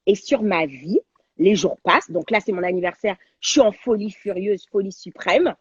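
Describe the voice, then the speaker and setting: A woman, a guest on a talk show, telling a personal story in an animated, slangy, dramatic way over a video call. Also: mid-range voice, normal speed, breathy edge, no echo, dull audio. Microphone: video call on a livestream.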